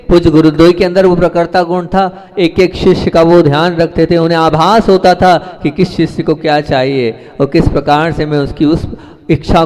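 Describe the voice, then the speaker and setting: A man's voice: a little high, darkish tone. A man, a Jain monk, giving a storytelling sermon and repeating phrases for emphasis. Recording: long hall reverb.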